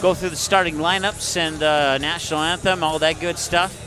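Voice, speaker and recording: A man's voice: fairly high pitch, steady tone, normal speed, music in the background. A man hosting a sports broadcast with casual, self-deprecating pregame banter.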